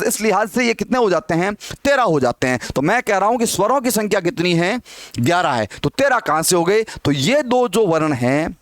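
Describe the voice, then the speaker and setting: High-voiced male Hindi teacher. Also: dry recording. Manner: asks the class questions and answers them himself; repeats words slowly to model pronunciation. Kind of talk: classroom grammar lesson.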